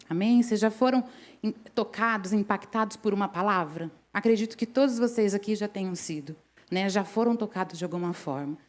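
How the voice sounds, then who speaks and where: A woman's voice: medium pitch, a little mellow. A middle-aged woman preaching a sermon in a church, telling personal stories in a conversational way and often checking in with the congregation. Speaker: preacher at a women's service.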